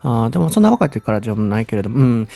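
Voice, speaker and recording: Fast-talking Osaka man hosting a lesson. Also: mid-range voice, vocal fry. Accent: Osaka Japanese. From Osaka, Japan. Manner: lively, chatty, switches between Japanese and English. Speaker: English teacher and podcast host. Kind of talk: unscripted bilingual English conversation lesson.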